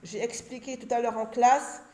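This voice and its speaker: A woman teaching a children's reading lesson, sounding out syllables and words slowly and carefully. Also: a little high, steady tone, mellow. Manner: slow, carefully articulated syllables. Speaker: primary school teacher. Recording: echoey room.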